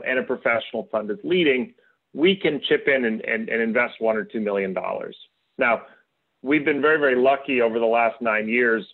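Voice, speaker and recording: A man, a venture capital investor, speaking on a panel over a video call and explaining at length with frequent fillers. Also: medium pitch. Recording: tinny phone-like video call audio.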